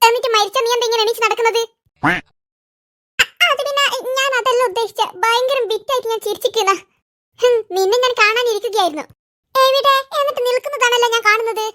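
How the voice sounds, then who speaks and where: A performer voicing squabbling cartoon kids and their mother, bickering in a squeaky, sped-up comic style. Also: fast talker, bright, forceful tone. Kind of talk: cartoon character voices.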